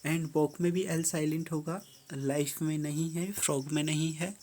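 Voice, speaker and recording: A teacher going through a worksheet step by step, reading each English prompt slowly and then explaining it in plain terms. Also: medium pitch, fairly even intonation, a little mellow.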